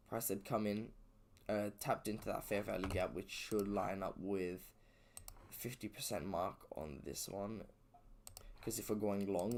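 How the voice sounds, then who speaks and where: A man's voice: fairly low pitch, darkish tone. A man casually talking through his trading chart on a live session, thinking aloud loosely with fillers and self-corrections, a little sleepy, at home indoors. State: sleepy, yawning. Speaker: trader streaming his session.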